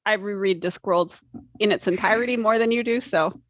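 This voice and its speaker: A woman's voice: mid-range voice, a little fast, no room sound, rough recording. A woman co-hosting a book podcast, chatting casually in a wry, informal way. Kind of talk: casual chat.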